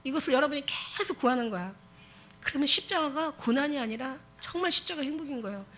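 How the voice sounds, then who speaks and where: A woman pastor delivers a Sunday sermon in a high, ringing voice. She is impassioned and exhorting, and she drives her points home by repeating short commands. Her tone is bright and forceful throughout. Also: lively intonation, fast talker, a little hiss or hum. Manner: impassioned, exhorting the congregation with emphatic repetition.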